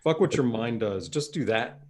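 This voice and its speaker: A man's voice: medium pitch, expressive, normal speed. A man co-hosting a podcast, chatting in a loose, profane way and laughing often. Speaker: podcast co-host. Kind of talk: casual chat.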